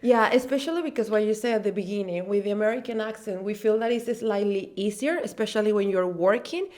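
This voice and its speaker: A woman from Venezuela with a Venezuelan accent, co-hosting a podcast and telling stories in a lively, laughing, casual way. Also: medium pitch, quick pace. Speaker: podcast co-host. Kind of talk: casual chat.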